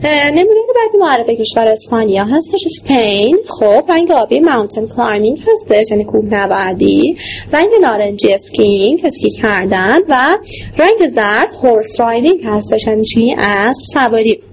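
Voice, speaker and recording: A woman English teacher walking through textbook exercises, explaining in Persian, reading English words slowly and answering her own questions. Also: a little high, lively intonation, a little hiss or hum. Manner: asks rhetorical questions and answers them.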